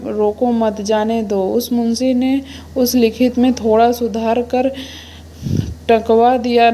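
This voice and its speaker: A woman telling a folk tale in a slow, unhurried reading, with small restarts along the way. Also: a little high, warm tone, slight background noise. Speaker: storyteller.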